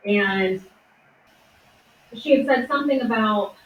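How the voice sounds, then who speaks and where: A woman's voice: on the high side, takes it slowly, a little hiss or hum. Distant, echoey woman rambling with fillers. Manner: rambling, hesitant with many fillers. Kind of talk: casual discussion. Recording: echoey room, distant, dull sound.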